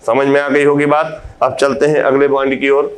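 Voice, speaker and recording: A man's voice: mid-range voice, monotone. A man teaching an exam-prep video lecture, explaining step by step, asking his own questions and then answering them. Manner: slows down and stretches words to show pronunciation.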